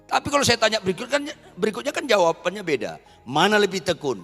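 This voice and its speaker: A man's voice: high-pitched, very animated, quick pace, vocal fry, fairly bright tone, in a large hall, faint music behind. A man preaching a sermon as pastor, keeps asking the congregation questions and answering them himself.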